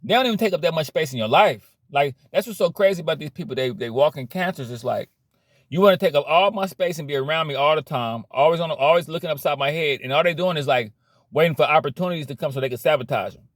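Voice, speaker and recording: A man's voice: on the high side, quick pace, no echo, studio quality. Blunt man ranting in slang. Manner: blunt, repetitive, slangy, preachy. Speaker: motivational vlogger. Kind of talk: casual motivational rant.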